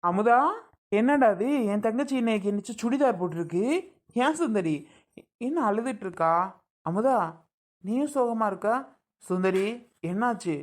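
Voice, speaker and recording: A woman's voice: medium pitch, lively intonation, normal speed, pauses often, lightly acted. A woman playing a worried older brother who keeps pleading for answers in a family skit. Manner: pleading, insistent questioning.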